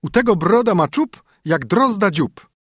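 A man voicing a proud, scornful young princess in a storybook reading, in a husky voice raised well above his own. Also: high voice, expressive, a little slow, no echo, clean studio sound, pitched above the performer's own voice, full character voice. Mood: mocking. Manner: sing-song, scornful rhyming. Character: haughty, mocking young princess.

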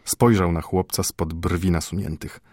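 A man narrating a literary story in a measured, even manner. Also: sits low, no echo. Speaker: audiobook narrator. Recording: dry close studio sound.

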